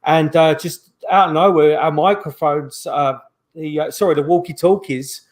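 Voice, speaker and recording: A man's voice: fairly high pitch, steady tone, moderate pace. A middle-aged man, a guest paranormal investigator, telling stories in a rambling way, full of restarts and fillers, over a video call. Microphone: video call microphone.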